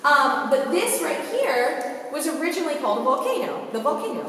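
High-pitched lady giving a cave tour, chatty with lots of ums, big booming cave echo, recorded from far off. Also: very animated, normal speed, fairly bright tone. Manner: casual, chatty, frequent fillers. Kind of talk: guided tour talk. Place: inside a large cave.

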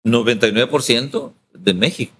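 Salvadoran pastor, animated storyteller voicing quotes, mid-pitched, faint rumble behind. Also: male voice, moderate pace. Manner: lively storyteller, acts out quoted dialogue. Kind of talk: storytelling testimony in interview.

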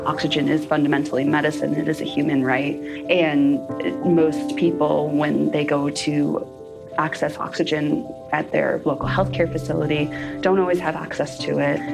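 Young woman with a gravelly, flat voice. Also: sits low, normal speed, music in the background. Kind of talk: documentary interview.

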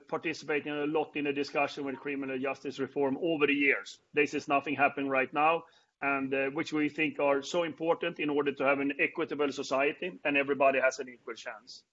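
Middle-aged swedish guy on a video call, kinda high voice, lots of uhs, dull muffled audio. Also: a bit bright. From Sweden. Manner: halting, many fillers and restarts. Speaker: panel host. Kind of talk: video-call panel talk. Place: indoors before a branded backdrop. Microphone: earbuds on a video call.

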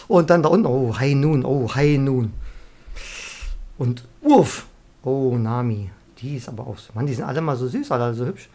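A woman live-streaming a video game, chatting excitably with viewers and often trailing off and restarting. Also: rumbling low. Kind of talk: casual live-stream chat while gaming.

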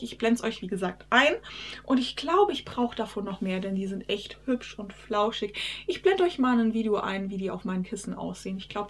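A woman chatting casually to her viewers in a haul vlog, recorded in her bedroom. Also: a little high. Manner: chatty, addresses viewers directly. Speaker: YouTube vlogger.

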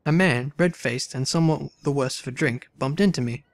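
A man hosting a let's play, reading the game's story text aloud and adding wry, relaxed asides. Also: medium pitch, moderate pace, creaky, no echo.

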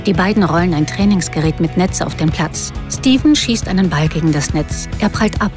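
A woman narrating scripted audio description in a calm, neutral, matter-of-fact reading. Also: on the low side, moderate pace. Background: music.

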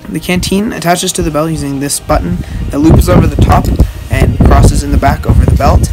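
A young man giving a casual, halting show-and-tell as a video host, recorded outdoors at a short distance from the camera. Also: fairly high pitch. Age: teenager or young adult. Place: outdoors on a wooden backyard deck.

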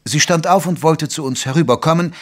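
An actor playing a sober Victorian doctor who narrates a detective adventure in a German audio drama. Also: male voice, fairly high pitch, brisk, natural voice. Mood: suspenseful. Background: music.

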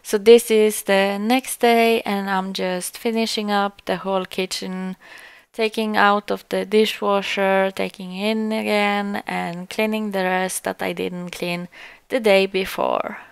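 Young woman, easy slow chatter, smooth but a bit gravelly, dry close mic. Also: medium pitch, no echo. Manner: relaxed, chatty, slightly halting. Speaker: cleaning vlogger. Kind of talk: casual voice-over narration.

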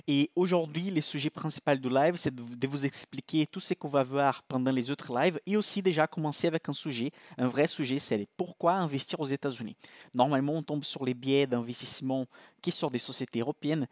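A man's voice: mid-range voice, no echo. A man with a Brazilian accent, Portuguese his first language, hosting a live-streamed investing class in a casual, chatty way that keeps checking in with listeners. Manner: chatty, repeats "ok?" and restarts. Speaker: livestream host, financial analyst.

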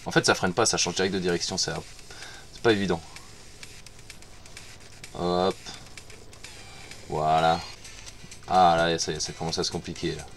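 A man's voice: low voice, level tone, normal speed, long pauses, a bit bright, soft background music. A man gives casual commentary over his gameplay, muttering to himself, repeating words and swearing when he fails. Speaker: gamer playing on stream.

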